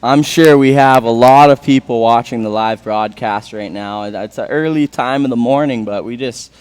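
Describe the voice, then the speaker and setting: A man's voice: mid-range voice, a little mellow, clear, resonant tone. A man giving live sports commentary on a surf contest, explaining things in a conversational way.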